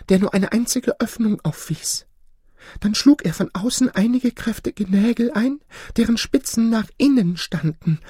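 A storyteller narrating a fable in a slow, expressive storybook manner. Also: medium pitch, slightly rough, no echo, clean studio sound.

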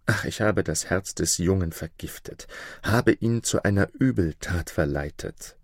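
A man's voice: low voice, unhurried, no echo, studio quality. A man voicing a grieving young maid who blames herself, speaking in a lamenting, tearful way.

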